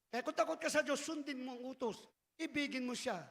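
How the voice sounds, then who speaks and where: A male preacher delivering a fervent sermon, often bursting into shouted exclamations. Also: extremely high pitch, fairly quick, vocal fry.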